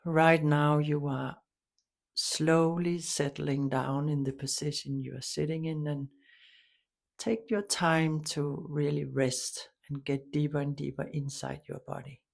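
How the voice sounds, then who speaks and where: Her deep, creaky voice carries soft meditation prompts, delivered slowly and soothingly with plenty of long silences between them.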